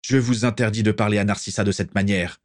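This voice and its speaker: A man's voice: fairly low pitch, steady tone, fast talker, close to an everyday voice. A man reading aloud and voicing a proud young aristocrat pledging himself earnestly to his father. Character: young aristocratic son, proud but cowed.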